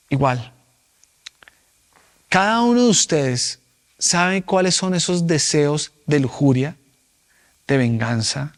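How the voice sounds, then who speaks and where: A young man preaching a sermon as pastor, emphatic and full of rhetorical questions to his congregation. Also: fairly high pitch.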